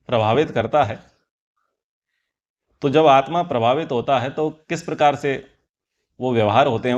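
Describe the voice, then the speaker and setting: A man's voice: mid-range voice, highs cut off. A man teaching a scripture class, explaining earnestly and repeating key phrases for emphasis. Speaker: Vedic teacher.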